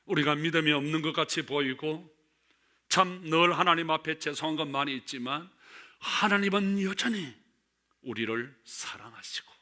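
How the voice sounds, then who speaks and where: A male pastor preaching a Sunday sermon, emphatic, swinging between loud declarations and hushed asides. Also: on the high side.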